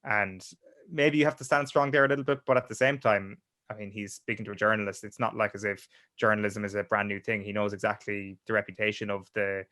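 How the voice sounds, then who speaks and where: A young man chats as a guest on a podcast, loose and talkative, stumbling through restarts and fillers as he goes. His voice sits a little low, and the recording is dry and close, with no room sound. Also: little pitch movement, fairly quick, bright, forceful tone, no echo. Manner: chatty, many restarts and fillers. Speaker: sports journalist guest. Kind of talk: casual podcast interview.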